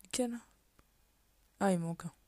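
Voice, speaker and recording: A woman's voice: medium pitch, a little slow, dark tone, no echo. A woman giving casual let's play commentary on a puzzle game, muttering to herself, swearing casually and often dropping to a half-whisper. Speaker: gaming video creator.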